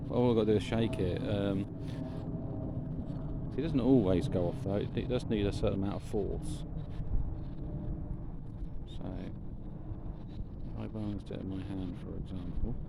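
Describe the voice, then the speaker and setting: A man chatting casually to a vlog audience while walking around outdoors, musing in a halting way and trailing off mid-thought. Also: gravelly. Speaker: paranormal investigator filming a vlog. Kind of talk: casual rambling vlog chat. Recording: noisy outdoor ambience, traffic rumble.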